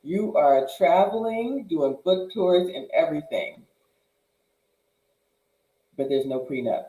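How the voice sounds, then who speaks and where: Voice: medium pitch, lively intonation, slow pace, dark tone, echoey room, low-quality recording. A host leading a casual group conversation by posing long hypothetical questions to the guests. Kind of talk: casual chat, hosting a panel.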